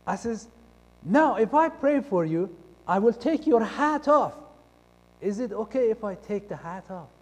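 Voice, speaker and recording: Casting: man from Iran, high voice, telling his testimony, acting out the dialogue, loud one moment and hushed the next. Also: expressive, measured pace. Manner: acts out quoted dialogue, shifting between loud and hushed. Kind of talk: personal testimony storytelling. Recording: long reverb of a large hall.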